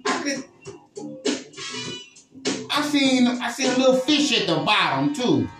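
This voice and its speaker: A man's voice: very high-pitched, sing-song, a little slow, recorded from a distance. A man hosting a podcast, telling crude joking stories in casual chat and checking in with "you know what I mean?". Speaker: podcast host. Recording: roomy echo with music behind.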